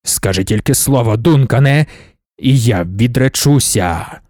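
A man voicing Leto, a calm ancient emperor. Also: medium pitch, unhurried, dry recording, studio quality, close to an everyday voice. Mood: measured. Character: ancient godlike male emperor, calm, measured, cryptic.

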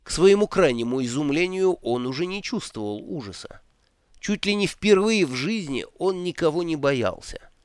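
A man narrating a fantasy audiobook in an expressive, theatrical reading style. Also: fairly high pitch, moderate pace, clean tone, no echo. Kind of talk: scripted narration.

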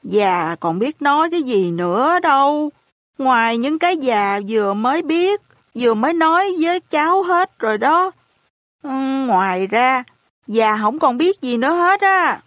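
A woman's voice: sits high, very animated, fairly bright tone, no room sound, studio quality, exaggerated voice. Woman voicing a fretful old landlady. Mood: lamenting, gossipy. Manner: slow, lamenting, folksy speech. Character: hard-of-hearing elderly woman landlady, fretful.

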